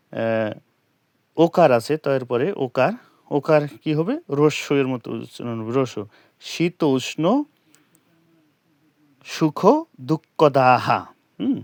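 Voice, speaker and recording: A man teaching how to pronounce and understand a scripture verse, chanting it slowly syllable by syllable and putting rhetorical questions to the listener. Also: a little high, no room sound, studio quality. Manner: slow and careful, chanting verse lines syllable by syllable. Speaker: Gita teacher. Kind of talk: explaining scripture pronunciation and meaning.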